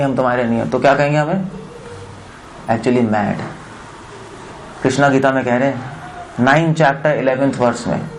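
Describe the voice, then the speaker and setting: A man's voice: medium pitch, slight background noise, poor audio. Hindi preacher quizzing his listeners. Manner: explains scripture with questions to the audience, chanting Sanskrit verses; mixes English words into Hindi. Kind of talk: spiritual discourse.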